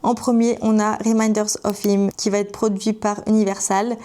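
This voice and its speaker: A young woman in her twenties from France, talking to camera as a book vlogger in a chatty, gushing way. Her tone is mellow and soft at a middling pitch. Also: flat delivery, normal speed. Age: 20s. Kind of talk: casual chat to camera.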